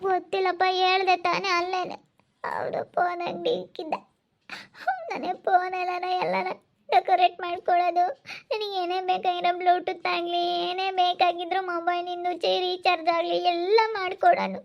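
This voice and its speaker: Actress as a wistful, rambling young village woman, high voice. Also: flat delivery, fairly quick, gravelly, lo-fi sound.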